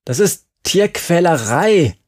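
In this audiobook reading, a brash young girl with a foul mouth fires off short, blunt exclamations, as a man voices her. The voice sits far above the reader's usual pitch and has a gravelly edge. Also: a little slow, a little mellow. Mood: outraged. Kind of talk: audiobook character voice.

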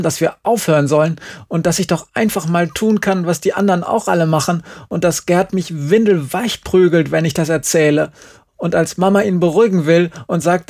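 A man voicing an angry, defiant teenage girl who grows agitated and loud. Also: a little high, creaky, pitched above the performer's own voice. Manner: agitated, rising and shouting.

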